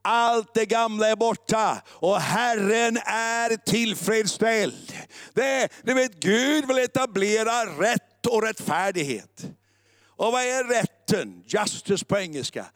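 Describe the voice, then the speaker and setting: A man preaching a sermon as pastor, moving between loud declaring and quiet musing, with English words mixed in. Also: high-pitched, animated, no echo, studio quality. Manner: mixes English words into the talk.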